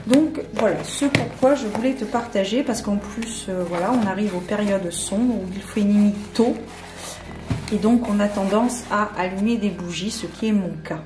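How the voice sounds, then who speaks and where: A woman's voice: medium pitch, moderate pace. A woman chatting casually through a candle unboxing, hesitant and full of fillers. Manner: hesitant, many fillers and restarts. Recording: echoey room with faint music.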